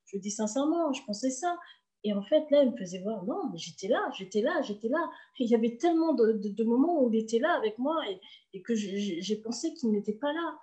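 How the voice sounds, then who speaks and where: A woman telling her personal faith testimony in a halting, emotional way, full of restarts. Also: on the high side, lively intonation, warm tone. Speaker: testimony speaker.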